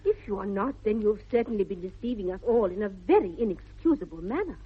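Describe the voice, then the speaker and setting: An actress in a precise, demure 1960s radio comedy plays a sly yet artless young upper-class English girl, teasing in a prim way. Her mid-range voice is expressive, fast and slightly rough, heard through a muffled, band-limited old radio broadcast.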